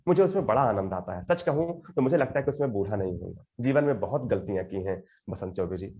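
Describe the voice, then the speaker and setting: A man in his thirties speaks as a guest poet, earnest and reflective. His pitch moves in a lively, animated way, and he recites his verse slowly, building emphasis line by line. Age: 30s. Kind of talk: conversational interview with poetry recitation.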